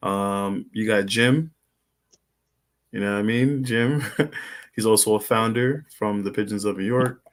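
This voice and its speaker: A man's voice: on the low side, unhurried, long pauses. A man hosting a live podcast interview, laid-back and friendly with viewers. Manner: laid-back, shouts out listeners. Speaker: podcast host. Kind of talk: casual livestream interview.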